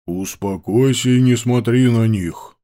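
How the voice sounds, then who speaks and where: Guy doing a grumpy low tracker dude, slow and clipped, growls his words. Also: a little mellow. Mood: gruff. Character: gruff grim male tracker, curt and irritable. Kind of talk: audiobook character voice.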